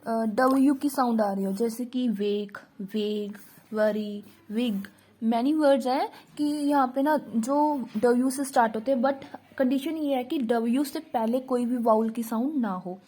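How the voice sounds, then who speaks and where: A woman teaching shorthand in a casual tutorial, slowly repeating example words aloud and mixing words in. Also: a little high, dark tone. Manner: slow, repeats example words aloud, mixes English into Hindi.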